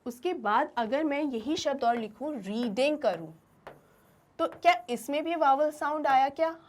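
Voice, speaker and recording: A woman's voice: sits high, lively intonation, unhurried. A woman teacher giving a grammar lesson, asking her students questions and answering them herself.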